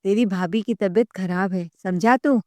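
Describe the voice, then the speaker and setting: Stern elder brother, harsh rebuking tone, middle pitch, dry sound, read by a woman. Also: moderate pace, a little mellow, no echo, close to an everyday voice. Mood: stern angry. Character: angry protective elder brother, adult man.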